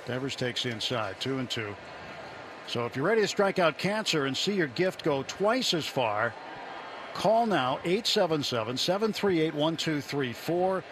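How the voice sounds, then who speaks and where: A man calling baseball play-by-play live from a broadcast booth, speaking in measured short phrases between conversational remarks. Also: on the high side, lively intonation. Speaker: baseball radio play-by-play announcer. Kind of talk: live sports commentary mixed with booth interview. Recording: ballpark booth with clear outdoor background noise.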